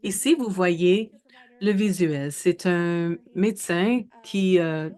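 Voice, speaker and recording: A woman in her thirties giving a research presentation in a webinar, speaking in a measured way with frequent hesitations and self-corrections. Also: fairly low pitch, a little mellow. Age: 30s.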